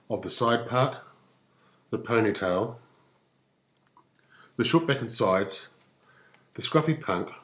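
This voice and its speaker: New Zealand male comic, dry mock-professor delivery, low-ish voice. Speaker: comedy musician. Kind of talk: comic stage monologue.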